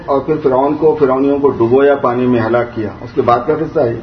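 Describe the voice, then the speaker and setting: A man delivers a storytelling sermon to listeners in a prayer hall. He drops into slow, measured recitation of Arabic verses, explains them in plain talk, and his voice climbs higher when he scolds. The recording is roomy and distant, with a dull, muffled tone. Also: a little hiss or hum. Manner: rises in pitch when scolding. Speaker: preacher.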